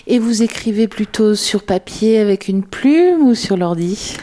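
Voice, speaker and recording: A woman hosts a radio interview with a mellow, relaxed voice. She asks her guest questions in a friendly, conversational manner. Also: medium pitch, a little slow. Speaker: radio host.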